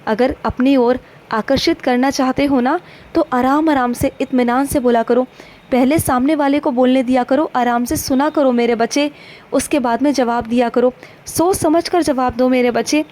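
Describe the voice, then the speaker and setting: A woman voicing a gentle, fatherly male saint who counsels his devotees in a tender, instructive devotional message, calling them "my child" again and again. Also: high voice, fairly even intonation, normal speed, lightly acted. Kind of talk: devotional first-person message.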